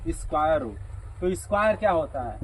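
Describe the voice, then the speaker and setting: High-voiced man teaching math to students. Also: big pitch swings, a little fast, background noise. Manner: asks the class questions and repeats their answers. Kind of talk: classroom math lesson. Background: students answering in chorus.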